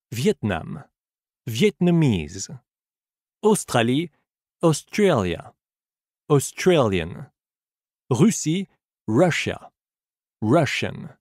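Slow, animated male language tutor. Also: mid-range voice, dry recording, studio quality. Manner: slow, careful model pronunciations for repeating. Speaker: language teacher. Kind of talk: scripted audiobook lesson.

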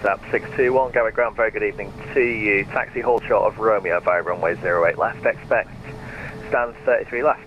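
A man working as an air traffic controller, talking in measured, polite radio phraseology over a radio transmission with static bursts. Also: on the low side. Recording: muffled radio with faint hiss.

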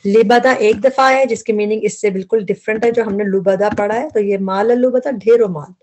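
A woman a mellow, warm voice walks students through a Quran lesson word by word. She explains each root word patiently, often repeating and correcting herself mid-phrase. Her speech mixes in throughout. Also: medium pitch, fairly even intonation, moderate pace.

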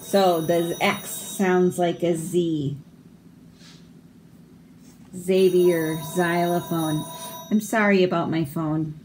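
A woman teacher reading a picture book aloud to young children, explaining each word slowly and carefully. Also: lowish voice, steady tone, a little mellow, slight background noise. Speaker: elementary school teacher.

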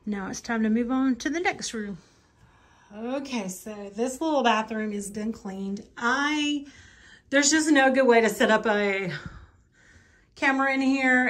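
A woman with a fairly high, fairly bright voice talks at a moderate pace in her home and cleaning vlog. She rambles conversationally and corrects herself while going through the bedroom, bathroom and other rooms.

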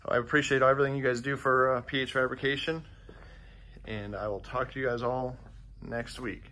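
A man with a mid-range voice, speaking a little fast over slight background noise, gives a casual phone-recorded tour of the projects in his large indoor fabrication shop, which he runs. He talks in a relaxed, plainspoken way, often saying "uh" and "um."

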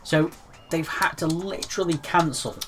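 A man's voice: fairly high pitch, steady tone, normal speed, noisy background. A man co-hosting a casual gaming podcast, rambling with lots of fillers and restarts and teasing his co-host. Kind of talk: casual chat.

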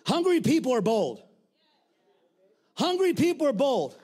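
A middle-aged man preaching a sermon as pastor, blunt and colloquial, often shouting. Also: very high-pitched, huge pitch swings, slow, slightly rough.

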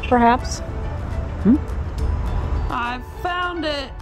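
A woman's voice: high-pitched, drawn-out words, soft background music. A woman in her thirties casually vlogging on the road, bubbly and playful, filmed on a handheld phone outdoors and in a car. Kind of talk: casual vlog. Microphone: handheld phone camera.

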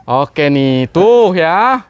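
Lively male plant-seller host, high and bouncy, jokes as he goes. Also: very slow, clean tone, dry recording, muffled recording. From Indonesia. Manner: lively, repeats prices aloud, joking. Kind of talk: casual sales chat.

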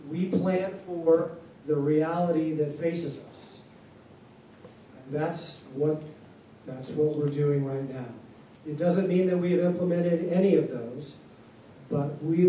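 A man leading a town hall meeting as base commander, answering questions in a measured, formal, plainspoken way before a seated audience. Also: on the high side, dark tone. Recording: echoey hall from far off, faint noise.

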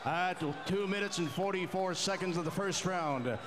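A man making ring announcements in a booming, drawn-out fight announcer style. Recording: arena PA amid loud crowd noise.

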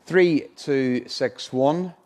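A man's voice: mid-range voice, very slow, darkish tone. Chatty man hosting a prize draw. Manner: chatty, colloquial. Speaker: competition draw host. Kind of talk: informal live prize-draw presenting. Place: indoor showroom unit with a car and screen.

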